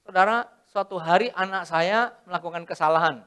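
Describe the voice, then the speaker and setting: A middle-aged male pastor from Indonesia delivers a sermon in a high, bright, clear voice. He is animated, jumping from loud exclamations to near-whispered asides as he addresses the congregation. He speaks from a church sanctuary. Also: a little fast.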